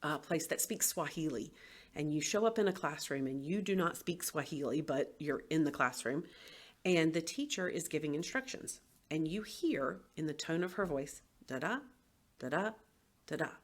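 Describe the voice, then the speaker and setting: A woman's voice: deep voice, expressive, moderate pace. A woman, a former teacher, giving an educational presentation and acting out tones of voice as she explains.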